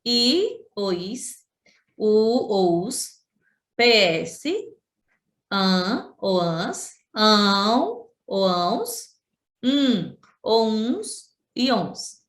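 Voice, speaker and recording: Very slow and sing-song, a mid-range female voice belongs to a Sergipe schoolteacher with a Brazilian Portuguese accent. Teaching remotely, she patiently repeats syllables and emphasizes them, with a roomy echo in the recording.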